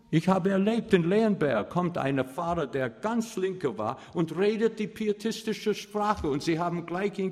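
A man's voice: lowish voice, a little mellow, long reverb tail. A man preaching a sermon to his congregation. He speaks emphatically, and his voice rises sharply whenever he stresses a point.

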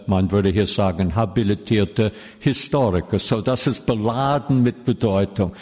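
A man's voice: lowish voice, a little mellow. A middle-aged man preaching a sermon in German full of grammar slips, lecturing and putting questions to his listeners. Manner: slow, lecturing, asks the audience questions. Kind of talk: sermon with teaching asides. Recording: long echoing reverb of a hall.

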